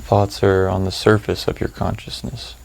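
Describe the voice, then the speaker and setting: Low and gravelly, a man's voice guides a meditation at an unhurried pace, calm and conversational. He leaves long pauses and keeps his wording plain and informal.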